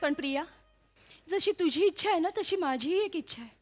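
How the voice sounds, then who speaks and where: A woman's voice: very high voice, expressive, a little fast. A woman playing a dutiful, self-sacrificing older sister in a stage comedy sketch, speaking earnestly and with emotion. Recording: stage sketch with background music.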